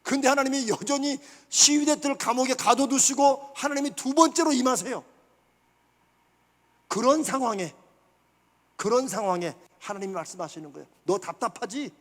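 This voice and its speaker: A man's voice: very high voice, normal speed, pauses often, fairly bright tone, big-room sound. A male pastor preaching a sermon, putting questions to the congregation and answering them himself. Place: church sanctuary.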